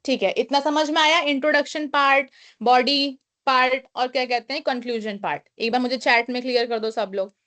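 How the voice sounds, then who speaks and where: A young woman leads a live online lesson, her voice slightly higher than most. She builds each point step by step, reads each English line slowly before restating it, and keeps dropping in a small filler phrase as she thinks. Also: fairly even intonation, a bit bright. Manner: frequent filler "kya kehte hain". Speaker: online class teacher.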